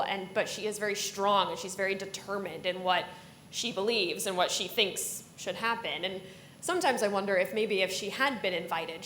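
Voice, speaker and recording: A woman's voice: mid-range voice, fairly bright tone. A woman ballet dancer in a conversational interview, telling a story with lots of fillers and animation. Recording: roomy with faint noise.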